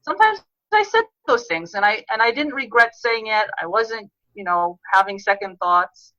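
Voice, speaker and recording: Female author guest, New York upbringing, earnest and reflective, bright forceful voice, dry sound. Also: a little high, lively intonation, moderate pace, no echo, highs cut off. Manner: earnest, reflective, with frequent restarts. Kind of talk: podcast interview conversation.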